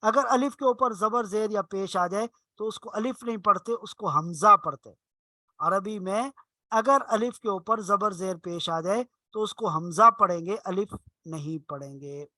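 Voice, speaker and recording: A male Arabic teacher leads an online class in a slow, bright voice. He explains each rule patiently, step by step, and stretches example words out long. The sound is dry and close. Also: high voice, dry recording.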